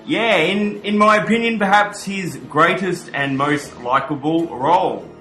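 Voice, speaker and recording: A man's voice: high voice, measured pace, pushed and bright, roomy sound, soft background music. A man hosting a horror podcast, giving commentary with some horror-host flourishes.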